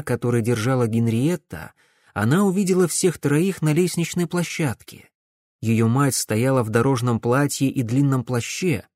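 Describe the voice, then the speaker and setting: A man narrating a dark fantasy audiobook in a measured storytelling manner. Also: medium pitch, no echo, clean studio sound.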